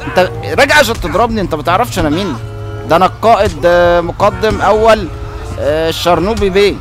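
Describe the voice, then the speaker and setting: A man with an Egyptian Arabic accent giving playful, joking gameplay commentary as a video host, often breaking into shouts. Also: high voice. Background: game music.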